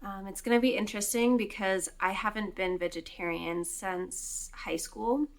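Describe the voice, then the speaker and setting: A woman in her twenties, talking casually to the camera in a vlog, chatty and relaxed with small laughs and fillers. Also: medium pitch, moderate pace. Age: 20s. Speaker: vlogger. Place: home kitchen.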